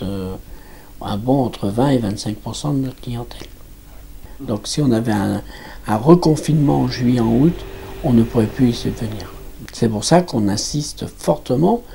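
Older man, mellow gravelly voice, hesitant interview answers. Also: mid-range voice, a little hiss or hum. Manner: halting, many restarts and fillers. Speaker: campsite manager. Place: small indoor office.

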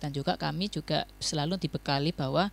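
A young man from Indonesia, a student club guest on a radio talk show, giving measured explanations with frequent pauses and fillers. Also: on the high side, creaky.

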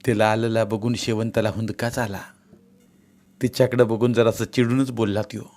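A man narrating an audiobook story in a steady, expressive storytelling manner. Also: fairly low pitch, normal speed.

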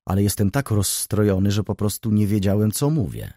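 A man's voice: on the low side, lively intonation, brisk, dark tone, dry recording, studio quality. A man voicing a tired, brooding middle-aged merchant who answers briefly and reservedly.

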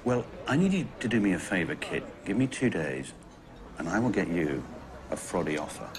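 A man's voice: low-pitched, sing-song, moderate pace. A man who talks in a sarcastic, exasperated way, jumping between moods. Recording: noisy background.

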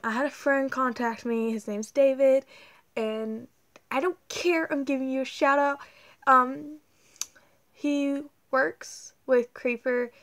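A young woman with a drawl chats straight into her tablet camera at home, rambling and excitable, her sentences full of ums and likes. Her voice sits a little high. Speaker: vlogger. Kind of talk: casual chat to camera. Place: indoors at home, dim room. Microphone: tablet camera held close.

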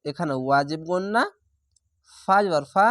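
Slow, deliberate male Quran reading teacher. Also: high voice, a bit bright, dry recording, studio quality. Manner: deliberate, spells out each letter and vowel before reciting the word; draws out recited words slowly.

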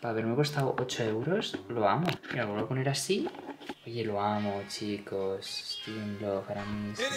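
Young man, casual vlog chat, gushing, excitable, echoey room, music behind. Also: lowish voice, normal speed. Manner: gushing and excitable, mixing in English words. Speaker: vlogger.

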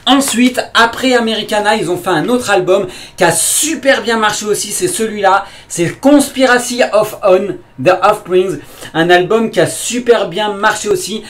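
A man with a fairly high voice talks to camera in a casual vlog, rambling with enthusiasm. He circles back on himself, repeats phrases and leans on fillers between points. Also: a bit bright, a little hiss or hum. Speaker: vlogger. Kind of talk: casual unboxing vlog talk.

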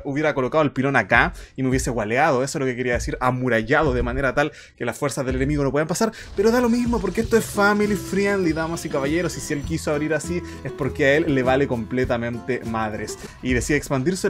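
A young man casting a strategy game replay in casual commentary, mock-solemn one moment and loudly disbelieving the next. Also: a little high. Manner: excitable, mock-solemn, swings into loud disbelief. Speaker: game caster.

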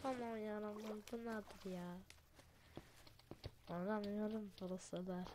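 A woman chatting excitedly at home while playing a game, laughing often, recorded on a headset mic. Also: medium pitch, a little slow, noisy background. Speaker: gaming channel host. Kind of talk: casual gameplay commentary.

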